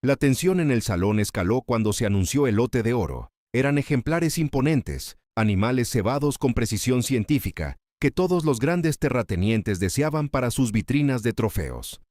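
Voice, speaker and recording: A man's voice: mid-range voice, animated, normal speed, few pauses, a little mellow, no room sound, clean studio sound. A man narrating a scripted dramatic story in a solemn, literary storytelling manner.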